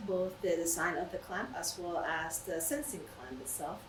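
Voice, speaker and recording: Low-voiced woman CEO, echoey room. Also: moderate pace. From Puerto Rico. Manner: earnest, businesslike explaining. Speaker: company CEO, interview guest. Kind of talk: recorded interview. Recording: echoey room, distant mic, background noise.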